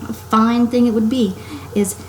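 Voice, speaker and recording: A woman voicing a severe, irritable witch professor from a storybook in a brisk, scolding manner. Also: on the high side, steady tone, a little mellow, close to an everyday voice. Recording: roomy echo, clear background noise.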